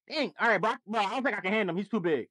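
An American man playing an excitable teenage boy gamer in a casual comedy skit. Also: sits high, rapid-fire, dry recording, clean studio sound. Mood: flustered.

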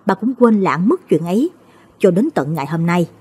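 A woman storyteller giving a measured, expressive late-night storybook narration. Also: fairly low pitch, husky.

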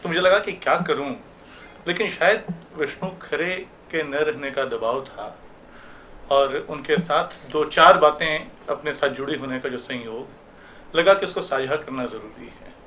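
At a memorial meeting in an auditorium, a man gives a reflective talk, reminiscing through anecdotes for his audience. His voice is on the high side, unhurried and a bit bright, with a little hiss or hum in the recording.

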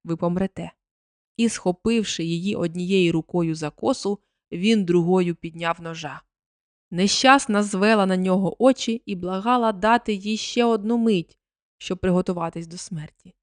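A woman narrating a fairy tale for an audiobook in a measured, expressive reading. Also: lowish voice, no echo, studio quality.

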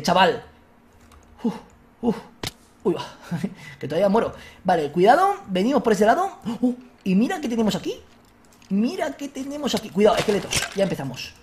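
A man with a Spain Spanish accent hosting a let's-play, excitable, shouting at enemies and joking with viewers. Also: high-pitched, normal speed. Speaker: gaming video host.

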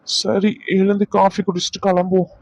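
Man voicing a gentle old grandfather. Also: sits high, monotone, brisk, creaky, dry recording. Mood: weary. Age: older. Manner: soothing, gentle. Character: gentle grandfather, soothing a child. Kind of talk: cartoon voice acting. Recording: dull lo-fi sound.

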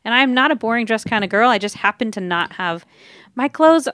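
A woman co-hosting a radio show in casual chat, animated and laughing often. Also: on the high side, fairly quick, dry recording, studio quality. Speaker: radio co-host. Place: radio studio.

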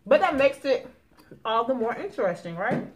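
This casual mukbang host, a woman in her thirties, talks and grumbles to her viewers from a dining table in her home living room. She has a sing-song voice on the high side and speaks at normal speed, recorded noisily by a camera across the table.

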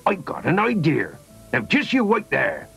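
A man's voice: on the high side, huge pitch swings, measured pace, vocal fry, fairly bright tone, breathy edge, heavily acted. A man voicing a cheerful, kindly old sailor in a children's radio story. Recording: faint music behind.

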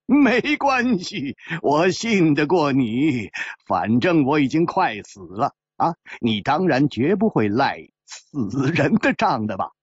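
A man voicing a brash, devil-may-care young male swordsman who gambles and laughs loudly, as a storyteller acting out dialogue. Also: medium pitch, sing-song, slow pace, breathy edge, no echo, muffled recording, exaggerated voice. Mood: cocky, reckless.

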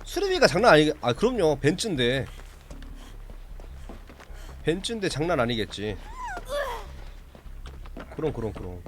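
A man's voice: on the high side, huge pitch swings, measured pace, long pauses, a little hiss or hum. Chatty man streaming a game. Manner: chatty, reacts to the game and answers chat. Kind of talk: casual live-stream chat while playing.

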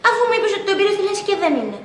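A woman's voice: extremely high pitch, very animated. An actress playing a young woman eager for her own turn in show business, in 1980s comedy style. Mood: teasing. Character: hopeful young woman, would-be performer. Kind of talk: 1980s film comedy acting. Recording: roomy film audio with long reverb.

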